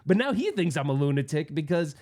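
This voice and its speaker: Animated man telling a rambling story. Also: a little high, a little fast. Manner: rambling, self-mocking, candid. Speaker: pinball channel host. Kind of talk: casual storytelling monologue.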